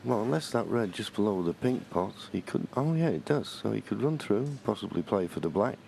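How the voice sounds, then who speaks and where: Deep creaky guy analysing snooker shots, low-key commentary, bit of background noise. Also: animated, a little fast, darkish tone. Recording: faint arena background noise.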